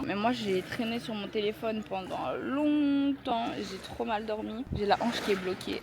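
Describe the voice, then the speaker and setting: A young woman vlogging on a trip in a casual, playful, slangy way, talking to a handheld camera outdoors. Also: mid-range voice. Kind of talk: casual travel vlog. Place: outdoors on a beach and in town. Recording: outdoor camera audio with clear background noise.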